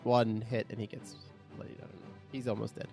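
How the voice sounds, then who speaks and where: A man playing a tabletop game, excitable and quick to exclaim and laugh. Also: on the low side, gravelly, soft background music. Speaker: player.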